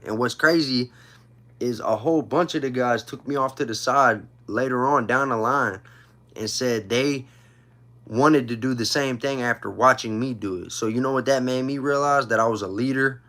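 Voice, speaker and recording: Telling personal stories on his laid-back livestream, this host in his thirties uses street slang and says things more than once to drive them home. He speaks at a normal speed in a medium-pitched, fairly bright voice.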